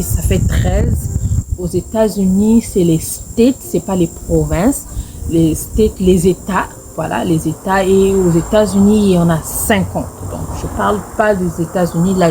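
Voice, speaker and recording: Telling her own story casually, a Congolese French–accented woman of middle age from Congo-Brazzaville keeps repeating phrases for emphasis in her video. Background noise accompanies her medium-pitched voice.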